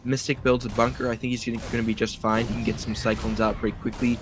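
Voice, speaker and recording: A man's voice: mid-range voice, level tone, quick pace. A man casting a live strategy game match, chatting and explaining the plays. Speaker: esports caster. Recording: faint music behind.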